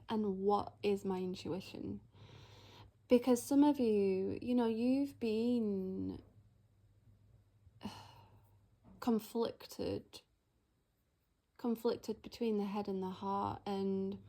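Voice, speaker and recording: A woman giving a spiritual tarot reading, earnest and reassuring, often halting and searching for words with sighs between phrases. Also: mid-range voice, dark tone. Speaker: tarot reader.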